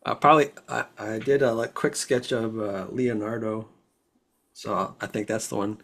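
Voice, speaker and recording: A man's voice: lowish voice, steady tone, normal speed, creaky, fairly bright tone. A man co-hosting a casual chat, speaking hesitantly and trailing off. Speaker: co-host.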